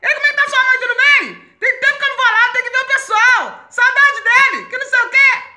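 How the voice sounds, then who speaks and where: A woman voicing a distant uncle who greets her loudly and chats on and on. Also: quick pace, roomy sound, heavily acted. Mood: loud, cheerful. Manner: booming, overfamiliar greeting. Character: loud chatty distant uncle, man.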